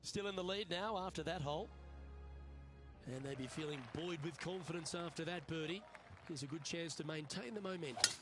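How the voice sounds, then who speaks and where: A man's voice: a little high, normal speed, over music. A man working as lead golf commentator, calling play-by-play for a video game broadcast. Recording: loud crowd and ambient noise behind. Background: golf crowd and outdoor ambience.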